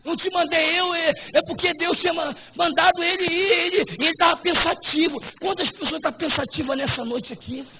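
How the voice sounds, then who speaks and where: A man preaching a fervent sermon at a church service, often breaking into shouts. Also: very high voice, normal speed, hardly any pauses. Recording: tinny lo-fi recording with noise.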